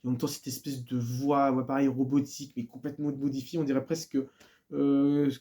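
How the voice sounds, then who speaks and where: Presenting records and books in a casual video, a man speaks briskly in a dark, medium-pitched voice with little pitch movement. He talks about his purchases with many fillers and restarts.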